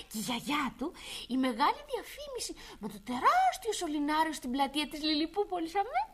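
A lively, high-voiced little girl. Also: exaggerated voice. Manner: high, lively, sing-song and childlike. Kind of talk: children's show acting. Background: music.

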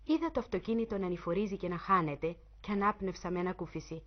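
A woman narrating a suspense story in the first person, in an expressive, dramatic reading style. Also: on the low side. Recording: muffled lo-fi recording.

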